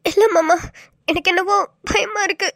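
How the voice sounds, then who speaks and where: A woman's voice: extremely high pitch, fairly even intonation, normal speed, a bit bright, no echo, studio quality. A woman voicing a worried, tearful young wife pleading with her husband in a cartoon. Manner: pleading, fretful.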